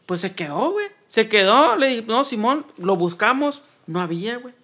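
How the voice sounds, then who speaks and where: A man chats as a podcast guest, his voice sitting high. He talks loosely, packing in fillers and slang. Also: very animated, moderate pace, bright, forceful tone. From Sonora, Mexico. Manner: slangy, lots of fillers and "güey". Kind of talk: casual chat.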